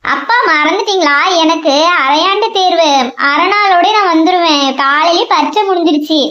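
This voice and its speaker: Woman doing a squeaky little cartoon schoolboy, earnest, kinda pleading, dull echoey audio. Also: moderate pace, sharp tone. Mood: eager. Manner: pleading and hurt. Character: earnest young schoolboy son, eager to help.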